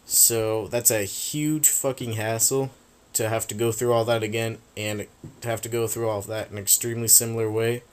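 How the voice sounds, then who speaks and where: A man with a lowish voice rambles casually over a video game battle at a moderate pace and fairly even intonation. He swears offhandedly, and his voice is turning raspy after talking so long.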